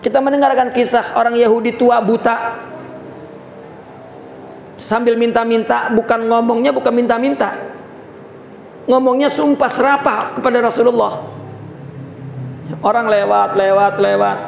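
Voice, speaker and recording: A man with an Indonesian accent, a religious teacher giving a sermon in a study hall, telling stories with short pauses and frequent affirming "ya". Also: extremely high pitch, fairly even intonation, creaky, slight background noise. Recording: dull roomy recording in a hall.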